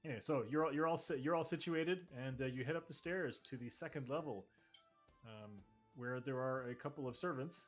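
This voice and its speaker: Halting man narrating as game master. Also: medium pitch, faint music behind. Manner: halting, rambling. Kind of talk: casual improvised tabletop game narration.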